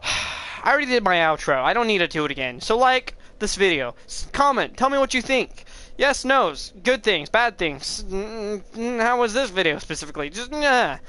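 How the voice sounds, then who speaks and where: A young man rambling through live gameplay commentary as a streamer, excitable and swearing at the game. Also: sits high, normal speed, clean tone. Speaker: gaming streamer.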